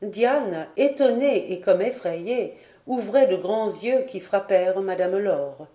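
A woman reading a classic tale aloud as audiobook narrator, steady and measured. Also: medium pitch. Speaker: audiobook reader. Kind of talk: scripted narration. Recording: roomy echo.

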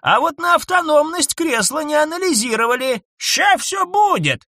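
A man voicing an excitable female shop security AI that talks loud and eager. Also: very high voice, fairly quick, no echo, clean studio sound, pitched above the performer's own voice, heavily acted.

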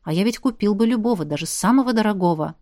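A woman's voice: medium pitch, animated, fast, a little mellow, no echo, clean studio sound. Woman narrating an audiobook.

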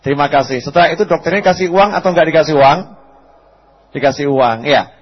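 Husky-voiced man preaching a lively sermon. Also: a little high, brisk, highs cut off. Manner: lively storytelling sermon, acting out quotes, asking the audience questions.

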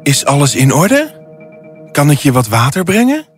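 An actor playing a polite young prince in a storybook tale, courteous and theatrical. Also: male voice, a little high, huge pitch swings, moderate pace, soft background music. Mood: polite, awkward. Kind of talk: storybook voice acting.

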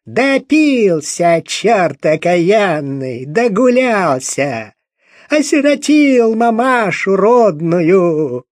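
A man doing a shrill creaky old woman. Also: big pitch swings, measured pace, dry recording, heavily acted. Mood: scolding. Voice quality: creaky, grating. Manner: suspicious, rustic old-fashioned speech. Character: shrill gaunt old churchgoing woman, hostile.

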